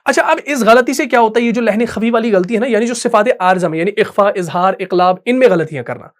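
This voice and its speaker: A man's voice: sits high, fast. A man teaching an online Quran recitation class, explaining patiently and often checking that students follow.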